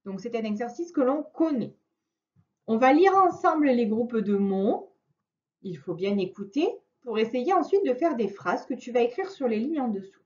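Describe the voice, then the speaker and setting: A woman's voice: fairly high pitch, animated, a little mellow. Patient woman teaching a young child. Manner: slow, clear, patient explaining to a young child. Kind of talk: recorded remote classroom lesson. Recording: dull lo-fi recording.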